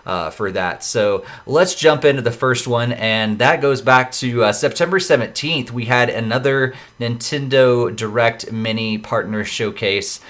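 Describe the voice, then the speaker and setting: A man's voice: mid-range voice, unhurried, few pauses, fairly bright tone. A man hosting a casual gaming podcast, running through a list of news items with lots of "uh" fillers. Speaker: podcast host.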